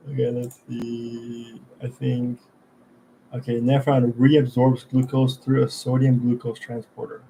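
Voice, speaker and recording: A man's voice: mid-range voice, completely flat delivery, unhurried, warm tone, slight background noise, poor audio. A young man thinking aloud as he studies, quizzing himself under his breath and trailing off when unsure. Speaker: student studying for an exam. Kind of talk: thinking aloud while studying.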